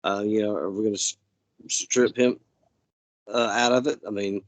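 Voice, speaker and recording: A man chatting casually as an interviewer, giving opinions in a halting, stammering way with repeated words. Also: lowish voice, fairly even intonation, no echo, lo-fi sound.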